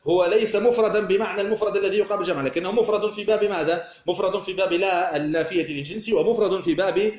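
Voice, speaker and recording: A man's voice: high-pitched, very fast, hardly any pauses, a little mellow, echoey room. A man teaching an Arabic grammar lesson, who explains step by step, poses questions to himself and answers them, and often restarts his sentences.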